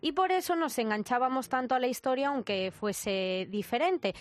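A woman presenter with an accent from Spain delivers a semi-scripted feature. Her voice is fairly high. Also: expressive, normal speed.

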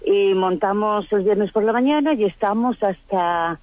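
On a thin, dry phone-like line, a woman with a Spain accent gives a casual interview. She explains informally and haltingly, as an organiser would. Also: mid-range voice, dry recording. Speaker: event organiser being interviewed.

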